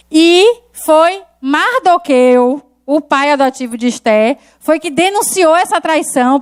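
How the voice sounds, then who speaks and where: A woman preacher retelling a Bible story in a lively sermon, often putting rhetorical questions to the congregation. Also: sits high.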